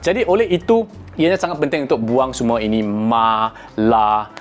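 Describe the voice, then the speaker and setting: A man's voice: fairly high pitch, big pitch swings, fast talker, a little mellow. A man with a Malaysian accent giving a casual how-to vlog, playful and self-mocking, slipping English words in and demonstrating pronunciations. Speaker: YouTuber teaching spoken Malay.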